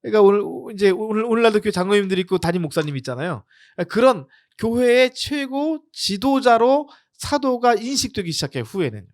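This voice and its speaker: A male pastor with a fairly high voice and a lively, swinging pitch, recorded with a dry, close sound. He explains with rhetorical questions and leads blessings, stopping often to use fillers and correct himself. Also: fairly quick, no room sound. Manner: frequent fillers and self-corrections. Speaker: pastor and seminary teacher. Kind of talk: expository sermon to a congregation.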